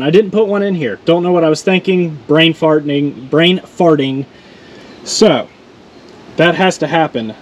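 In a garage and inside a truck, a man with a slightly high voice casually narrates his car build for his vlog, with a bit of hiss or hum on the recording. He explains each step while working, stays relaxed, and pokes fun at his own mistakes.

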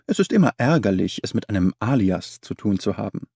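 A man playing a composed, clever detective in a storybook reading. He speaks in a measured, assured way with a lively, varied melody. The sound is close and dry. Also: lowish voice, gravelly, breathy edge, dry recording, full character voice. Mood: calm, confident. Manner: measured, gentle, self-assured. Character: calm, clever male detective, self-assured. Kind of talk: audiobook character voice.

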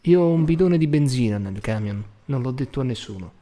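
A man reads an eager, cocky young lad in a storybook. The voice is warm and quick to offer help. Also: medium pitch, lively intonation, close to an everyday voice.

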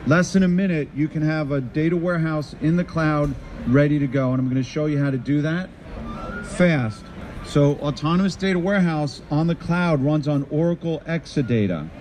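Man, middle-aged, conference presenter, somewhat high voice, upbeat, asks the crowd questions, handheld mic, faint floor noise behind. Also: moderate pace, darkish tone. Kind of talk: live tech presentation to an audience. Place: trade show floor stage.

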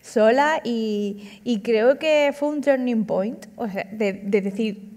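A woman in her thirties, an author and comic artist, talks casually and animatedly at a book talk on a large auditorium stage, often tossing in tag questions. Her voice sits on the high side, slightly mellow, and moves at a slow pace. Long hall reverb fills the recording.

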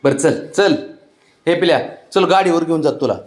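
A man's voice: a little high, normal speed. Man coaxing his sulking cat. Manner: coaxing, pleading, sing-song baby talk to his cat. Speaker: pet owner vlogger. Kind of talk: coaxing talk to a pet cat.

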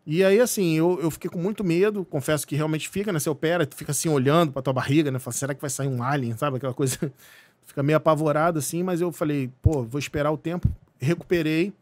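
A man from Brazil, telling a personal story as a podcast guest, animated and full of restarts. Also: a little high, fast, no room sound. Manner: animated, many restarts and repeated words. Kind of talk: casual storytelling.

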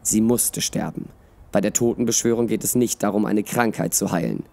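A man's voice: lowish voice, normal speed, gravelly, warm tone. A man voicing a grinning young male necromancer in a read-aloud storybook, speaking in a matter-of-fact way. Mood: blunt.

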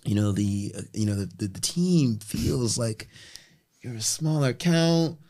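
A man's voice: medium pitch, animated, a little slow, a little mellow. A man as podcast guest, talking emphatically with repeated phrases and casual swearing. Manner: emphatic, repetitive, swears freely, acts out quotes. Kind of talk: casual conversation.

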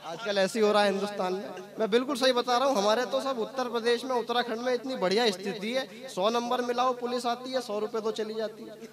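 A man's voice: very high voice, fast talker. A young man performing comic poetry patter on stage, chatty and teasing, forever assuring the crowd he is telling the truth, through a stage microphone at a live gathering. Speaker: stand-up poet. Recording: lively crowd reacting behind.

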